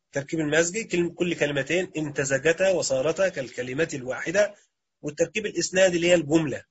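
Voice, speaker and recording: Husky Egyptian teacher quizzing his class. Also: a little high, very fast, muffled recording. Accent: Egyptian Arabic. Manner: quizzes students, repeats answers. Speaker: grammar teacher. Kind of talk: classroom lecture with questions.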